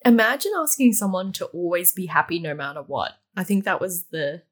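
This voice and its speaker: A woman co-hosting a book podcast in casual chat, blunt and giggly, with animated reactions. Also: on the low side, fairly quick.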